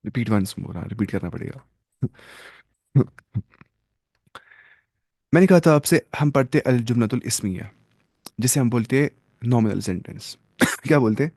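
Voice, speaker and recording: A man's voice: mid-range voice, animated, slow, long pauses, darkish tone, no echo, studio quality. A man teaching an Arabic grammar lesson, who asks questions and answers them himself, mixes in English terms, and encourages his students. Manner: reassuring, encouraging tone.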